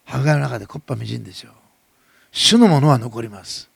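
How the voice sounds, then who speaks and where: A middle-aged male pastor with a Nagasaki dialect, preaching a sermon that swells loud and then drops soft. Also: mid-range voice, expressive, quick pace, gravelly, husky, no room sound.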